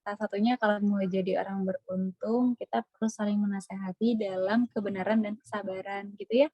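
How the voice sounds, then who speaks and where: Woman, casual religious talk host, chatty, mid pitch, dry close sound. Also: steady tone, a little fast, no room sound, highs cut off. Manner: chatty, sprinkled with Arabic praise phrases and soft laughs. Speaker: host of an Islamic talk session.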